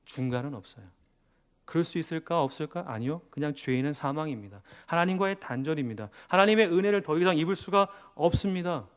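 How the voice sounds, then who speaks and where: Korean pastor preaching with dramatic dynamics. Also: male voice, a little high, expressive, fast talker, smooth. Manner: dramatic swings from loud emphasis to hushed near-whispers; asks questions and answers them himself. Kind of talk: sermon. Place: church.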